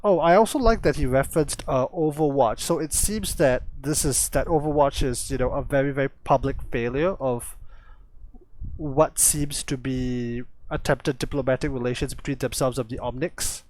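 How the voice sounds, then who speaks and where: A man's voice: medium pitch, moderate pace, a little mellow. Rambling man breaking down comic lore. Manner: rambling, thinking aloud, self-correcting. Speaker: host.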